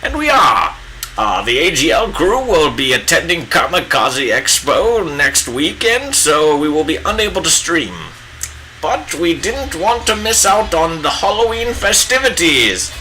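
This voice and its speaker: Man doing a hammy old wizard, lively. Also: a little high, a little hiss or hum, heavily acted, low-quality recording. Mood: grandiose. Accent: put-on British. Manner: hammy, drawn-out theatrical wizard speech. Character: pompous old male wizard with a beard. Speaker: streamer painting live.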